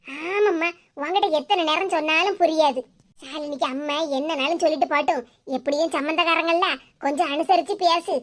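A woman with a Tirunelveli Tamil accent voicing a scheming, bossy grown daughter in a cartoon, in a low, hushed, conspiratorial voice. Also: a little fast, lightly acted.

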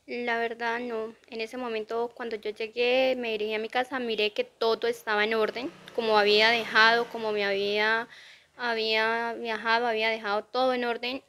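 Aggrieved woman giving news testimony, higher voice, little melody, indignant and insistent. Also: level tone, normal speed, sharp tone. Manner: indignant, repetitive complaint. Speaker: burglary victim. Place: outdoors near a drainage channel.

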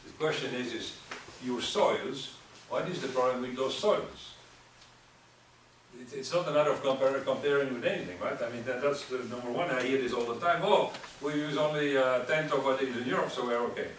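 A man's voice: mid-range voice, a little fast. An older man answering as a panelist in a seminar, emphatic and lecturing, often restarting his words. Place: seminar room with audience. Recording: echoey room, distant mic, faint noise.

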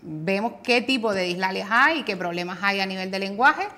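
A woman's voice: medium pitch, lively intonation, normal speed, pushed and bright. A woman with a Canary Islands Spanish accent speaks as a speech therapist on a talk show. She explains things patiently and methodically. Now and then she imitates children's mispronounced words.

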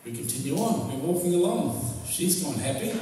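Pastor guy preaching, tells the story vividly, a bit high voice, far off mic in a roomy church. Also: expressive, normal speed, warm tone, slight background noise. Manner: storytelling, retells scenes vividly. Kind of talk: sermon. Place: church hall. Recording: echoey hall, distant mic.

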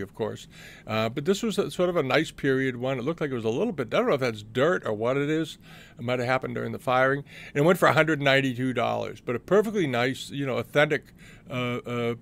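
Gravelly middle-aged man rambling on auctions. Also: medium pitch, a bit bright, a little hiss or hum. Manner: rambling, many fillers and restarts. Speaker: antiques show host. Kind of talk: casual commentary on auction results.

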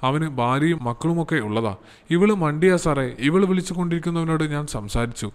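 A man's voice: fairly high pitch, animated, a little fast, smooth, voice pushed up, close to an everyday voice. A man voicing a distraught young husband whose wife is missing, speaking in a choked, pleading way.

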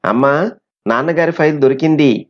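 A man's voice: fairly high pitch, normal speed, pitched above the performer's own voice, lightly acted. A man voicing an honest, brave young schoolboy in a plain reading voice. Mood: earnest. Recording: slightly muffled recording.

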